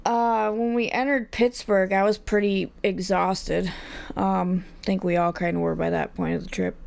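A woman in a casual vlog chat, talking in a relaxed, hesitant way with fillers. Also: mid-range voice, normal speed, vocal fry. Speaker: host's partner, guest.

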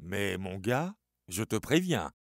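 A man's voice: lowish voice, big pitch swings, takes it slowly, no echo, studio quality, full character voice. A man doing a solemn warning elder. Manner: solemn, serious.

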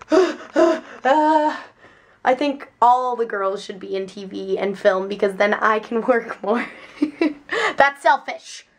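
A young woman with a slightly raspy voice, vlogging in a chatty, giggly, rambling way from a film set where she works as a stunt performer. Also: fairly high pitch. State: voice sounding raspy. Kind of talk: casual vlog chat.

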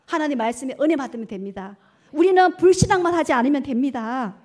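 A woman's voice: high-pitched, expressive, fast, warm tone. A middle-aged woman pastor preaching a sermon in a church, often putting questions to the congregation and answering them herself. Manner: call-and-response questions to the congregation. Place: church sanctuary.

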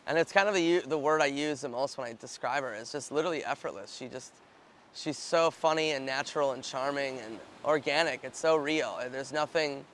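A man's voice: mid-range voice, fairly quick, fairly bright tone, a little hiss or hum. A man being interviewed about a film, talking casually and animatedly, with many restarts.

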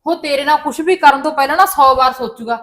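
Woman acting as a caring old-fashioned mom, soothing and coaxing, calm voice, family drama. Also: mid-range voice, normal speed, natural voice. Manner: soothing, coaxing, repeatedly calling her child. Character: mother soothing her daughter, caring and traditional. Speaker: mother. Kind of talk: Punjabi family drama dialogue.

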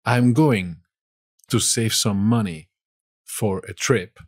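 A man from Spain with a Spanish accent, teaching vocabulary in a slow lesson and saying each word twice. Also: fairly low pitch, no room sound, clean studio sound.

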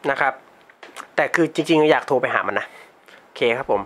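A man's voice: mid-range voice, normal speed, fairly bright tone. A teenage boy talking casually and chattily in a prank vlog, laughing often and using slang. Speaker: YouTuber prank caller. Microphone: desktop computer mic.

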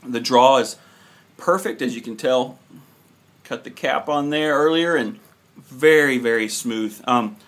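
A man in his thirties giving a casual, hesitant, relaxed review to camera as a host, with frequent pauses. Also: medium pitch. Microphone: camera at arm's length.

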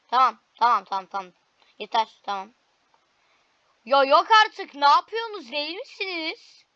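A woman commentating her own gameplay, excitable, with frequent frustrated cries and cheers. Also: high-pitched, dry recording, highs cut off. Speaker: gaming video creator.

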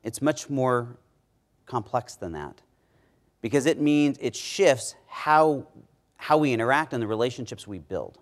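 A middle-aged man giving a conference keynote on a large stage, speaking emphatically into a lapel mic and dropping low on key words. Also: lively intonation, unhurried.

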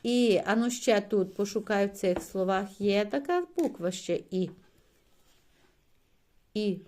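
Woman teacher, slow and mid-pitched, coaxing one-on-one reading tutor. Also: expressive, darkish tone. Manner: patient, coaxing, frequent praise, drawn-out sounds. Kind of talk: one-on-one reading lesson with a child.

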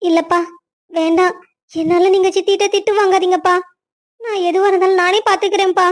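A gentle young cartoon heroine, voiced by a woman, meek and soft-spoken with a high voice. She pleads rather than argues. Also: flat delivery, a little fast. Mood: pleading. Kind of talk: cartoon story voice acting.

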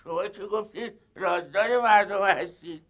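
A whiny old hotel guest, frail and fussy, who keeps sighing and complaining. His voice sits high and sounds bright and sharp. This is a sitcom character. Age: older. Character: fretful elderly male hotel guest, sickly and fussy. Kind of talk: sitcom acting.

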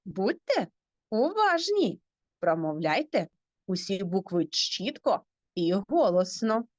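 A woman's voice: mid-range voice, very animated, slow pace, no echo. A woman teaching a phonics lesson to small children over a video call, stretching out words and asking the class questions.

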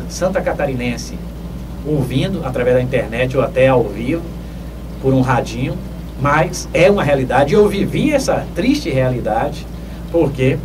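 Answering listeners' questions on his radio advice show, an older Northeast Brazilian man speaks at medium pitch in a measured, lecturing manner marked by emphatic rises. The small, dark studio's boom mic catches him from afar, and background noise is clearly audible.

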